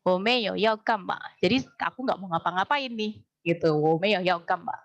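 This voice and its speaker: A woman teaching a language class. She explains things patiently, slows right down to drill phrases, and keeps quizzing her students. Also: fairly low pitch, muffled recording. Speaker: Mandarin teacher.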